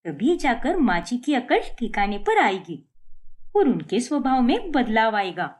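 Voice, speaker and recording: In this cartoon tale, a cheeky young daughter-in-law voiced by a woman plots and teases. Her voice is fairly high and bouncy. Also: big pitch swings, a little slow. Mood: scheming.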